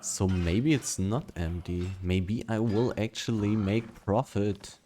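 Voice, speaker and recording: A man's voice: fairly low pitch, takes it slowly, dark tone, slight background noise. A man giving casual running commentary while he plays a video game, thinking aloud and humming between remarks. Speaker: gaming video creator.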